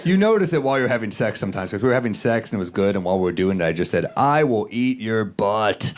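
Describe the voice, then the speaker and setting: A man doing a stand-up comedy set on stage in a dry, deadpan manner. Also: lowish voice, rapid-fire. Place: comedy stage in front of a live audience. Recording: live show with audience laughter and room noise.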